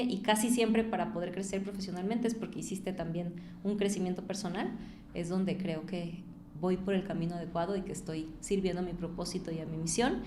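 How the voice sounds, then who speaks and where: A woman, an entrepreneur and author, talking as a guest in an interview, reflective and growing more lively when she tells stories. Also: lowish voice, a little hiss or hum. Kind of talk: conversational interview.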